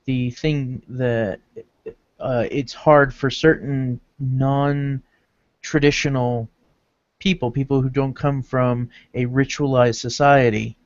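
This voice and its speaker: A man co-hosting a casual podcast, explaining ideas in a measured, lecturing way, on a dull lo-fi recording. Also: mid-range voice, fairly even intonation, dry recording. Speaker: podcast co-host. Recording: dull lo-fi, dry.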